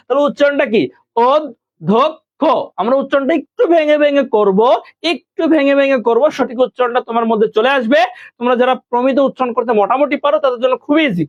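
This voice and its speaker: A man from Bangladesh teaching an online class, patiently repeating each point and quizzing his students. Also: very high-pitched. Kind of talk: online live class lesson. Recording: dull lo-fi recording.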